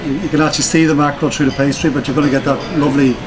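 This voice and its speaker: A man's voice: fairly high pitch, fairly even intonation, rapid-fire, rough recording. A man, a chef and restaurant owner raised in Donegal, explaining his dish in an easy, enthusiastic way. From born in Dublin, raised in Donegal, Ireland. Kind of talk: casual interview. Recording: clear background noise.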